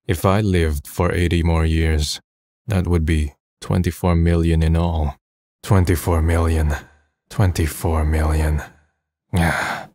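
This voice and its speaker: Rumbling low and a little mellow, this man's voice is heavily acted on a dry, clean studio recording with background music. He plays the narrator and protagonist, a gloomy, self-deprecating twenty-year-old, giving scripted first-person narration in a subdued, resigned way.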